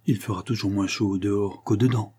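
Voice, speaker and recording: A man's voice: on the low side, steady tone, a little fast, warm tone, slightly rough. A man reading the part of a scheming young male bandit in an audiobook, speaking in a mocking, carefree tone.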